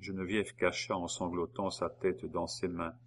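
A man narrating a novel aloud in a measured, hushed way. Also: low voice, flat delivery. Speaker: audiobook narrator.

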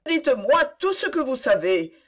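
A reader voicing Antoinette, an anguished young woman, with high, urgent outcries. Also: big pitch swings, normal speed. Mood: distraught. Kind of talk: audiobook character voice.

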